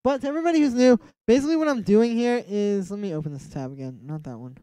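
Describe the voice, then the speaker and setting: A young man with a nasal but clear, resonant high voice talks fast while hosting a casual music production livestream from a small home room. Relaxed and rambling, he says "like" a lot and mumbles asides to himself, and the recording is dry.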